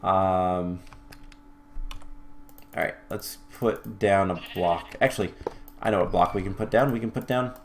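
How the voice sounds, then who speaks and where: A fairly low-pitched man talks through his gameplay at a desk mic, stopping to think aloud with plenty of "uh"s and quick self-corrections. Now and then he drops a dry, wry aside. Faint keyboard clicks and typing sit behind him. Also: steady tone, slight background noise. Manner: thinks aloud with many fillers and restarts. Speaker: let's-play host. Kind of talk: casual gameplay commentary.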